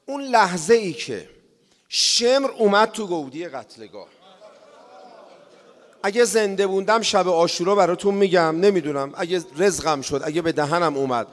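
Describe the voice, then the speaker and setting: A man giving a mourning sermon, chanting the story and rising into wailing shouts. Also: sits high, lively intonation. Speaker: mourning preacher. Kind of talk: lamenting religious sermon. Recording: reverberant hall.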